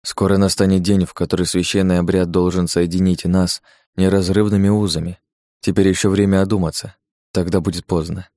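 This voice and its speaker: A man's voice: deep voice, little pitch movement, brisk, a little mellow, dry recording, studio quality. A man reading as a tender, frightened young woman.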